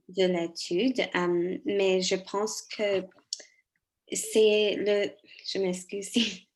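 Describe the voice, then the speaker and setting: Woman, foreign accent in French, slow delivery, slightly low voice, searching for words, Q&A talk. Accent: non-native accent in French. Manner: hesitant, searching for words in a second language. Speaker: speaker answering audience questions. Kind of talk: informal question-and-answer in a presentation.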